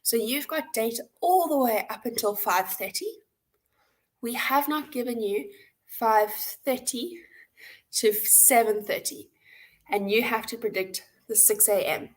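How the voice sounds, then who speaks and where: A South African woman, a hackathon host and presenter, gives a live platform walkthrough over a livestream webcam from an indoor room. Her voice is a little high and unhurried as she explains things informally, step by step.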